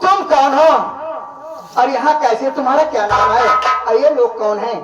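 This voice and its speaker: A brash young city woman, played by a man in a very high voice, cheeky and defiant. It is a stage comedy, heard from far off in an echoey space, with music behind. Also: normal speed, dull audio.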